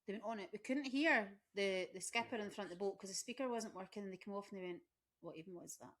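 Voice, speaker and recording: A woman's voice: mid-range voice, fast talker, fairly bright tone. Chatty woman co-hosting. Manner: chatty, jumps in with jokey asides. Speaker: podcast co-host. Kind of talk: casual chat.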